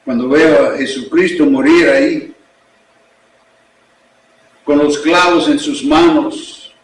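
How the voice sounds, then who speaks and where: Male pastor with an English accent, preaching slowly in his second language; recorded in a roomy space from a distance. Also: fairly high pitch, sing-song, a little hiss or hum. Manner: slow, deliberate preaching in a learned second language. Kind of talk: sermon. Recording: echoey room, distant mic.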